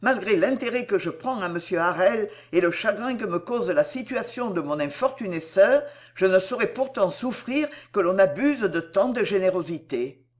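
Sorrowful worried man, as an audiobook reader puts him on, protesting, animated. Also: mid-range voice, moderate pace, hardly any pauses, lightly acted. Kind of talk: audiobook reading.

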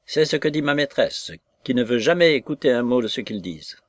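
A man's voice: mid-range voice, lively intonation, a little fast, no echo, clean studio sound, close to an everyday voice. A man reading aloud and voicing a chattering, indignant lady's maid in a raised, prattling voice. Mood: indignant gossip.

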